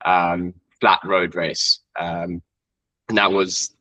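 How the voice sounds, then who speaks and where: A man's voice: low voice, little pitch movement, slow pace, sharp tone, dry recording, rough recording. A man in his twenties from Iceland, a guest trail runner chatting casually in an interview, rambling with many fillers and self-corrections. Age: 20s.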